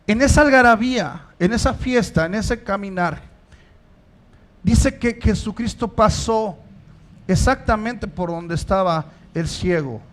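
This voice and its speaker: A pastor preaching a sermon in church, asking the congregation rhetorical questions and rising to emphatic stresses. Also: male voice, high-pitched, unhurried.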